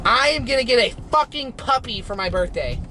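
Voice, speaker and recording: A man's voice: very high-pitched, expressive, a little fast. Swearing teenage boy vlogging from a car. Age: teens. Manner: rambling, swears often, upbeat. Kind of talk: casual car vlog chat. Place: inside a parked car. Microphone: camera on the dashboard. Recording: noisy car recording.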